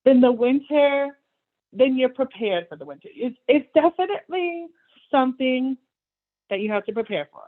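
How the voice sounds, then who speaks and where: A woman's voice: sits high, animated, normal speed. Woman over a tinny line. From Texas, USA. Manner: candid and laughing, gives frank advice. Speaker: theater apprentice. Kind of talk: casual panel chat.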